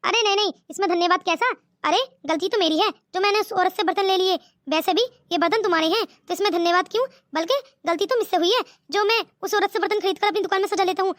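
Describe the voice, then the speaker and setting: A woman's voice: very high voice, fast, no echo, studio quality. A woman voicing a cheeky male street vendor who haggles over stolen pots in a cartoon. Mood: conciliatory. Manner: teasing, bargaining.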